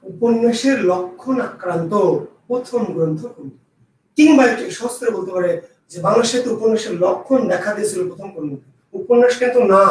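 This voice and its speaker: A man teaching an exam prep lesson, repeating key answers and quizzing his students aloud. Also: very high voice. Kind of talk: lecture. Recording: echoey room, mic at a distance.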